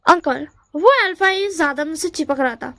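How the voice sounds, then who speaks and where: A woman's voice: sits high, normal speed, pushed and bright, no room sound. Woman voicing a hot-tempered young man. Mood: defiant. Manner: blunt and threatening, mixing English words.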